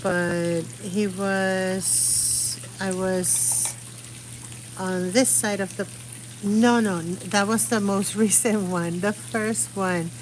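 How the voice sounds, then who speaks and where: A middle-aged woman from Puerto Rico chats casually while painting outdoors under an umbrella during a live stream, rambling as she searches for words. Her mid-range voice has fairly even intonation and a very slow pace, with a noisy background.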